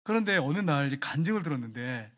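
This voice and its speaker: A male pastor with a Gyeongsang accent preaching a sermon. He tells a story full of rhetorical questions and swings from hushed asides to emphatic declarations. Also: fairly high pitch, lively intonation, fast. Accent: Gyeongsang Korean. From Gyeongsang region, Korea.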